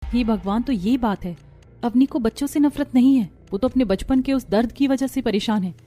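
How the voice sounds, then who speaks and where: एक महिला एक कार्टून कहानी में एक दयालु, परवाह करने वाली युवा माँ की आवाज़ दे रही है, सच्चे और कोमल अंदाज़ में।. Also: female voice, a little high, normal speed, lightly acted. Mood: caring. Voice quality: gentle, earnest. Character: kind caring young wife and mother. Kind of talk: Hindi cartoon voice acting. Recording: light music behind voice.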